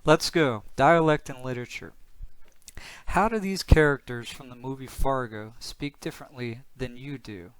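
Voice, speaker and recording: A man's voice: mid-range voice, normal speed, smooth, rough recording. A male teacher narrating a lesson in an upbeat, explanatory way.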